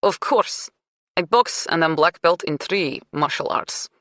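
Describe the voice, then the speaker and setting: A woman's voice: lowish voice, unhurried, no room sound. Woman doing a blunt, defiant female suspect. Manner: clipped, broken English, flat and curt.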